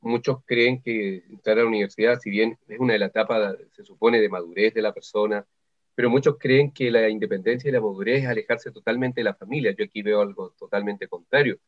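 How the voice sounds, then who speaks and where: A man's voice: on the low side, a little fast. A man hosting a university radio interview, upbeat and chatty. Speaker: radio host. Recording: slightly dull lo-fi sound.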